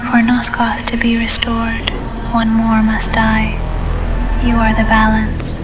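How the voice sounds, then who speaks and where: A woman's voice: on the high side, monotone. Distant, solemn, ghostly female oracle. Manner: grave, measured, portentous. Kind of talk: dramatic game cutscene monologue. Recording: distant voice under loud music.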